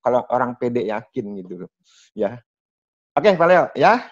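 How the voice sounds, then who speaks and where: A man's voice: medium pitch, measured pace. Chatty man teaching over a video call. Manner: lively, chatty, addresses participants as Bapak Ibu. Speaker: property sales trainer. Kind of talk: online training talk over video call. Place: at home. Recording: dull, dry video-call audio.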